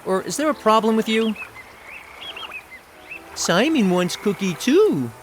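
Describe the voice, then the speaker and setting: A man's voice: sits high, sing-song, takes it slowly, slight background noise, full character voice. A man voicing a cocky, sardonic young male wizard in a video game, grumbling and flippant. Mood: sarcastic.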